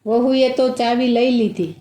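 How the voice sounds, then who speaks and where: A woman's voice: a little high, fairly even intonation, measured pace, mellow. A woman narrating a devotional folk tale as storyteller, reading the characters' speech aloud within the narration. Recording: roomy echo.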